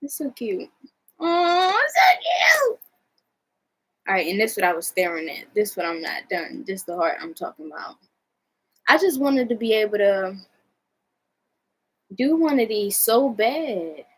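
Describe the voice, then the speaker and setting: A woman's voice: medium pitch, expressive, normal speed, pauses often, breathy edge, low-quality recording. An American woman chatting casually in a vlog, rambling in a laid-back way and swearing freely. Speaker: vlogger showing own artwork. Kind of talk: casual chat.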